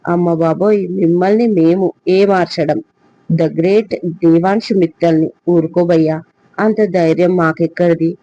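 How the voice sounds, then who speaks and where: A man's voice: fairly high pitch, steady tone, normal speed, dark tone, muffled recording, close to an everyday voice. A man voicing a playful young male assistant in a storybook reading. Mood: joking.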